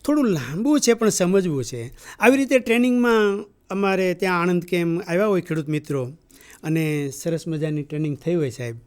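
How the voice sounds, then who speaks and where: A man with a notably high voice gives a training lecture to farmers. He tells stories and keeps asking his listeners questions to pull them in. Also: fairly quick. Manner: storytelling with rhetorical questions to the audience. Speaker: agriculture trainer. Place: training hall.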